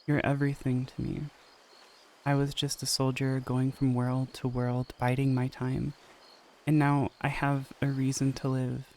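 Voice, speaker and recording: A man's voice: mid-range voice, darkish tone, close to an everyday voice. A man reading the lines of an earnest young male soldier who pleads with the woman he loves, in an audio story. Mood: tender.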